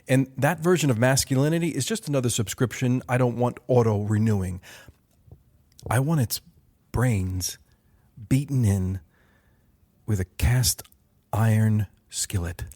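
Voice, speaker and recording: Sardonic man in his fifties, mid pitch. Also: a little mellow. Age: 50s. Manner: sardonic, profane, wry asides. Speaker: podcast host. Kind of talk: solo commentary monologue.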